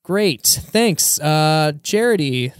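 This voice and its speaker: A relaxed man hosts a casual podcast, joking with his guests and often pausing on filler words. His voice is smooth and resonant. The sound is dry and close to the mic. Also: a little high, dry recording. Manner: joking, laid-back, uses filler words. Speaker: podcast host. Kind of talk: casual chat.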